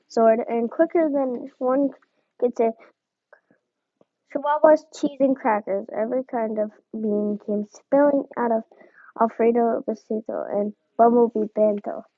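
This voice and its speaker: A woman reading a picture book aloud, slowly sounding out the harder names. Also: a little high, fairly even intonation, no room sound, narrow, tinny audio. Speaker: storybook reader.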